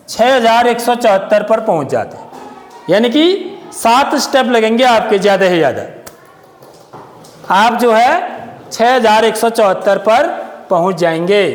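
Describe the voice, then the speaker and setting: Male maths teacher with a very high voice, keeps checking with the class, long room reverb. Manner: keeps checking understanding with questions. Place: classroom with pupils answering.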